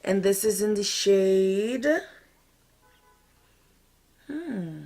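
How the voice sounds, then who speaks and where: A woman's voice: mid-range voice, expressive, extremely slow, mellow. Chatty woman doing a casual makeup tutorial. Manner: chatty, informal, thinking aloud. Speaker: makeup vlogger.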